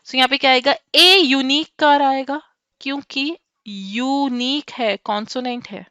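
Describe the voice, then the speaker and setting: Indian woman teacher, high and bright, runs a class quiz and calls on students by name. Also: a little slow, no echo, muffled recording. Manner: mixes Hindi and English, quizzes students by name. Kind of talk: online class lesson.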